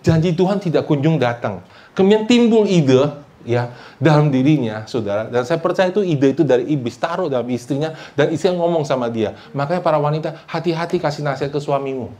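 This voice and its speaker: A male pastor delivering a sermon, often calling out to his listeners and asking for amens, and mixing English phrases into his talk. He rises loud for emphasis, then drops low and soft. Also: lively intonation, fairly quick. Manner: preaching with frequent calls of "saudara" and "amin", mixing in English phrases.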